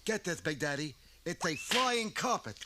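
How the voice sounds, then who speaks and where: High-pitched, wheedling cartoon hustler lad. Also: male voice, animated, normal speed, heavy background noise. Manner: hipster slang, wheedling. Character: slick, fast-talking young male carpet peddler.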